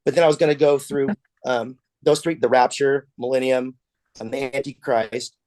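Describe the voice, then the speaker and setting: A man's voice: mid-range voice, steady tone, moderate pace, a little mellow, no room sound. A man leading a casual church class discussion over a video call, talking conversationally with frequent restarts.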